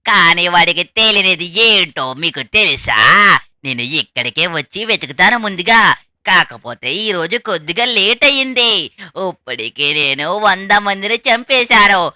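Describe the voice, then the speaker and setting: Woman doing a taunting ice cream killer guy, super bright sharp voice, dry and close. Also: fairly low pitch, animated, measured pace, dry recording, exaggerated voice. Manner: gloating, taunting, cackling threats. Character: menacing male ice cream man killer hunting hiders. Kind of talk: game video voice-over.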